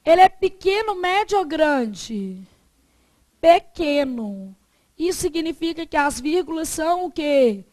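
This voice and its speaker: A woman teaching a Portuguese grammar lesson, lively, asking the class questions and answering them herself. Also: high-pitched, slow pace, no echo.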